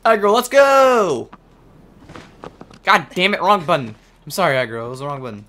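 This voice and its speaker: A young man casually commenting on his gameplay, excitable, swearing and joking and talking to his horse in the game. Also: medium pitch, racing. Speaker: gameplay streamer. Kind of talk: casual let's play commentary. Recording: game music loud behind the voice. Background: video game music and sounds.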